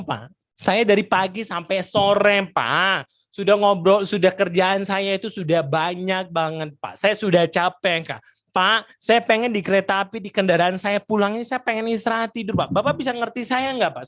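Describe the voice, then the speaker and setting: A man's voice: sits high, moderate pace, fairly bright tone, voice pushed up. A man playing an exhausted, angry young commuter. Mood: angry, pleading. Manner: pleading, complaining, repeating "Pak".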